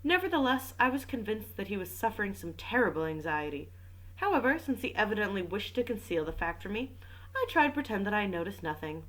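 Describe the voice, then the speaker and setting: Woman reading as a composed French wife, guarded, polite, measured, storybook reading. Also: medium pitch, very animated, fairly bright tone, poor audio. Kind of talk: audiobook reading with commentary.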